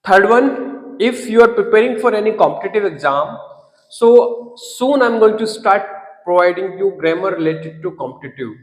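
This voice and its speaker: A man with an Indian English accent gives an English lesson in a high, unhurried voice. He spells out and repeats key words with deliberate emphasis. The sound rings with a long, roomy reverb. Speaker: English teacher. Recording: echoey room with long reverb.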